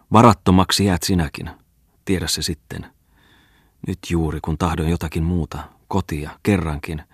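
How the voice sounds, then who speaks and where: A man's voice: low voice, breathy edge, dry recording, studio quality. A male reader playing a bitter, ruined old merchant who reproaches his wife. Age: older.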